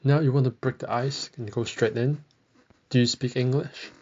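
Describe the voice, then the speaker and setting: A man's voice: mid-range voice, steady tone, moderate pace, a little mellow, breathy edge, highs cut off. A man teaching a podcast language lesson, carefully modelling each phrase and repeating it.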